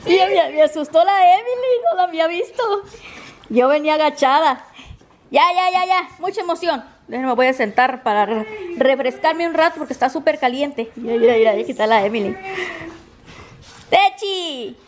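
A Mexican woman vlogger chats casually, talking to her dogs in squealy baby talk while filmed on a handheld phone in a car and a sunny yard. Her voice is high-pitched, brisk and lively, and the recording is rough.

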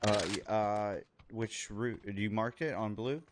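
A man streaming a shooter game live, thinking aloud as he loots, excitable, with his voice jumping up high at times. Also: slow pace, noisy background. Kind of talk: live gameplay commentary.

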